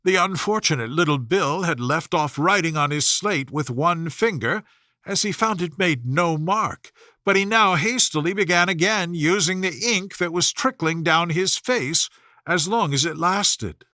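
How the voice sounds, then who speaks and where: A man reading a children's story aloud as a scripted, expressive narration. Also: a little high, a little slow, dry recording, clean studio sound. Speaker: audiobook narrator.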